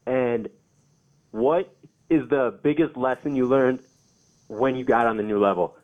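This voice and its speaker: A man's voice: medium pitch, a little slow. Brief: eager teen male caller, young adult, heard through a tinny phone line. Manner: eager, thankful.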